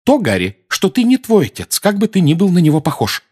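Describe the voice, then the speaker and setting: A storybook voice of a protective mother witch, put on by a male narrator, pushed well up into a high, strained register. She scolds hard and insists on every word, climbing toward a shout. Her pitch swings widely from line to line. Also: huge pitch swings, fairly quick. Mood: scolding. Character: stern motherly middle-aged witch, protective and sharp.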